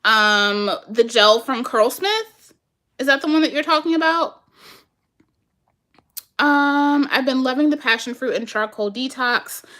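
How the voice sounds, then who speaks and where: A fairly high-voiced woman holds a relaxed, chatty catch-up with her viewers. She answers their comments in an animated way, breaks into laughter often and speaks straight to her audience. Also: unhurried, long pauses. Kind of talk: casual chat with viewers.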